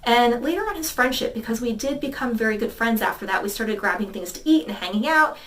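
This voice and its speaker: A woman's voice: fairly high pitch, lively intonation, fairly quick, a bit bright, distant mic. A woman in her thirties, a tarot reader, telling a personal story in a chatty, rambling way full of fillers and quoted dialogue. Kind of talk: casual storytelling to camera.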